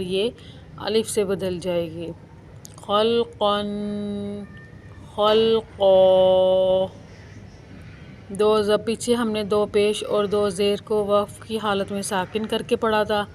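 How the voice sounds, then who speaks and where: Slow, even-voiced woman teaching recitation. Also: medium pitch, a little hiss or hum. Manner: slow, even and patient, drawing out sounds. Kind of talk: slow step-by-step tajweed lesson.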